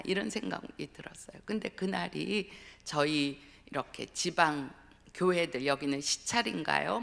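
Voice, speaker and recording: A middle-aged woman giving an earnest sermon with personal testimony, often dropping to a hushed whisper for emphasis. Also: deep voice, vocal fry. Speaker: guest speaker at a dawn revival service. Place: church sanctuary. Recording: long church hall reverb.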